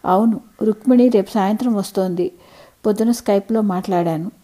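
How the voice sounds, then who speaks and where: A woman's voice: mid-range voice, normal speed, mellow, close to an everyday voice. Storybook husband in his late fifties, fond and easygoing, read by a woman narrator.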